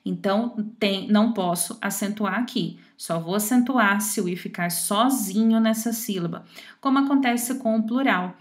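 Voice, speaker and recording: A woman's voice: medium pitch, normal speed. Woman teaching grammar, checking in often. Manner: frequent checking tags, explains step by step. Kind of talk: grammar lesson.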